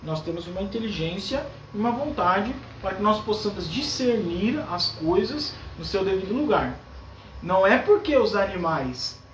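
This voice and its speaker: A Brazilian man preaches a sermon in a high, light voice, often asking his listeners questions as he explains. He stands back from the microphone, and his voice echoes through the space over a faint background hiss. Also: a bit bright, distant mic. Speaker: priest.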